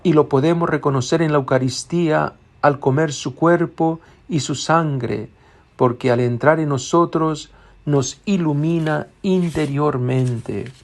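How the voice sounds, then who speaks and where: A man's voice: on the high side, unhurried. A man, a priest, giving an earnest homily and addressing the congregation as brothers and sisters.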